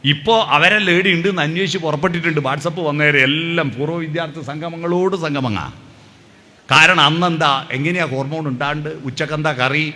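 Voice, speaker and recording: This man's voice sits on the high side, pushed and bright, at a moderate pace. Speaking with a Kerala Malayalam accent, he delivers a devotional talk full of stories and rhetorical questions, now and then singing bits of hymns.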